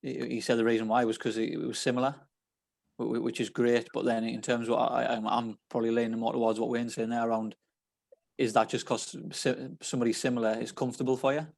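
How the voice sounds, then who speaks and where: Coach guy on a video call, gravelly and kinda monotone, repeats himself a lot. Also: mid-range voice, quick pace. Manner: earnest, repeats words while thinking. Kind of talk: casual video-call discussion.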